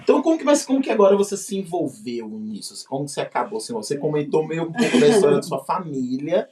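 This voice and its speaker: A woman hosting a casual podcast interview, chatty and quick to finish her guest's sentences. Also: low-pitched, big pitch swings, a loud crowd. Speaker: podcast host.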